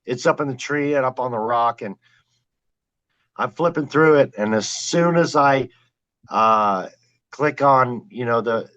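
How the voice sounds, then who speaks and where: A man of middle pitch recounts his outdoor adventures with growing excitement, often quoting his own exclamations. His voice comes through a somewhat muffled, lo-fi recording. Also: a little slow, pauses often. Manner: excited, animated retelling with quoted exclamations. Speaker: guest, trail camera wildlife filmer. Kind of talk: storytelling in a podcast interview.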